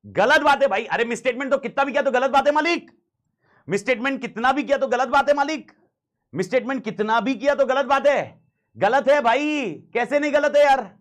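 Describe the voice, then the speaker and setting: A man teaching an audit class in Hindi with an Indian accent, slightly hoarse, emphatic and repeating key phrases over and over. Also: extremely high pitch, brisk, a bit bright. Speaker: audit lecturer. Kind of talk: classroom lecture.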